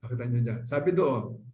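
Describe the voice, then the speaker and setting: A man's voice: medium pitch, darkish tone. A man from the Philippines giving a religious classroom lecture, teaching in a conversational way, often checking in with his listeners and mixing in English phrases. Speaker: Islamic lecturer. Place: lecture hall at a dawah center. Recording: echoey room recording.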